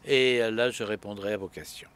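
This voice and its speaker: A man giving a conference presentation, halting often with filler pauses as he speaks. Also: lowish voice, steady tone, a bit bright, smooth.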